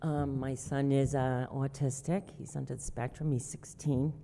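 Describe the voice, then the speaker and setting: A woman's voice: rumbling low, flat delivery, normal speed, dark tone. A woman giving public comment as a parent, earnest and effusive in her praise. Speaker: parent speaking at a hearing. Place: village hall meeting room. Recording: reverberant hall.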